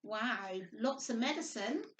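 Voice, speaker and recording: Reading a picture book to little ones, this nursery storyteller uses a high-pitched, sing-song voice, simple language and frequent tag questions. She's animated, takes it slowly and has a fairly bright tone, and the distant mic captures a roomy, echoing sound.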